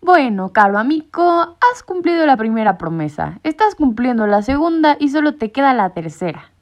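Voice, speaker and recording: A woman's voice: sits high, big pitch swings, normal speed, pitched above the performer's own voice. A woman voicing a pompous male cat leader who gives orders in a formal, bossy way. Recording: muffled lo-fi recording.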